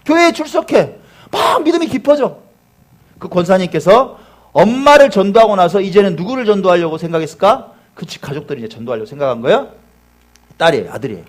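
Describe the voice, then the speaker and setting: Pastor guy preaching, really high voice, lively swoopy delivery, keeps asking the crowd questions. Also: fast. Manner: animated storytelling with rhetorical questions. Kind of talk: sermon.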